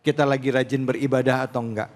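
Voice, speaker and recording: A man's voice: medium pitch, little pitch movement, fast talker. A man hosting a religious talk show, thanking the preacher and recapping for the audience. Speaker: host. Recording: long hall reverb.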